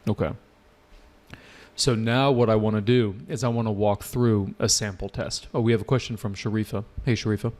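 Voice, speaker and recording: A man's voice: fairly low pitch, fairly even intonation, moderate pace, a little mellow. A man teaching an IELTS class live online, casual and often checking with his students. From United States. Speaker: IELTS tutor.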